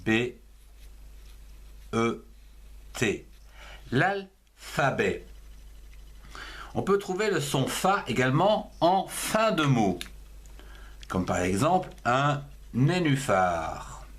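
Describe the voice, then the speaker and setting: A man's voice: medium pitch, sing-song, takes it slowly, pauses often. A man teaching cursive writing, spelling out words letter by letter and syllable by syllable in a patient lesson. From France.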